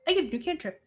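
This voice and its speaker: A woman's voice: very high voice, darkish tone. A woman playing in a tabletop game, chatting in a blunt, playful way. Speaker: player. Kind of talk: casual tabletop play.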